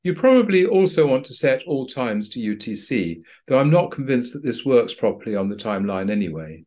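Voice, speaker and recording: A man narrates a screen-recorded walkthrough as a pilot instructor. His delivery is practical and dryly understated, and his pitch rises and falls in a lively way as he points things out. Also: brisk. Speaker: flight training instructor.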